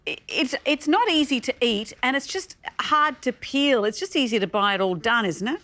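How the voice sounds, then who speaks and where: A woman presenter with a bright, sharp voice chats with a guest, her pitch rising and falling a lot. She sounds chatty and a little teasing. A faint audience is heard behind her. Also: animated, normal speed. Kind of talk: casual studio chat.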